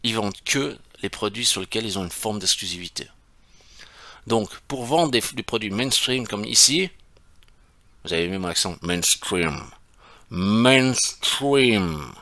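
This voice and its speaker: A man's voice: on the low side, animated, normal speed, long pauses, sharp tone, no room sound. A man, an e-commerce consultant explaining in a casual, emphatic way and asking his viewers rhetorical questions. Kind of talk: screen-share tutorial.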